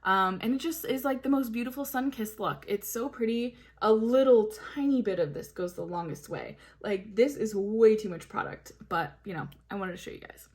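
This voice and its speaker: A woman's voice: fairly high pitch, normal speed, hardly any pauses, darkish tone, husky. A woman reviewing makeup in a casual, chatty way, gushing over each product with plenty of fillers. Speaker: beauty vlogger. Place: home, hot weather.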